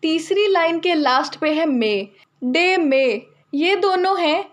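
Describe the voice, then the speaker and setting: High-voiced woman explaining literature. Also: measured pace. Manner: steady, explains each term twice in plain words. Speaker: literature teacher. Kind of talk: explanatory lecture.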